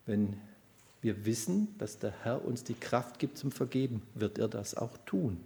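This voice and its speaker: Middle-aged guy giving a sermon, earnest, slows way down on the big lines. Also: vocal fry. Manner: swings from low earnest tones to lively raised emphasis; slows down to stress quoted commands. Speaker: preacher.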